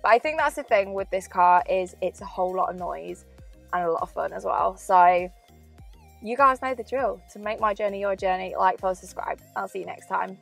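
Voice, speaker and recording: A woman's voice: mid-range voice, normal speed, gravelly, fairly bright tone, faint music behind, poor audio. A woman, chatting enthusiastically through a car review while driving.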